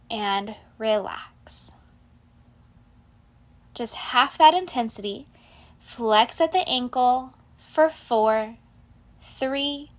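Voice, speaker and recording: Pitched fairly high, a woman leads a guided relaxation session in a soothing, even manner, her phrases fading gently at the end.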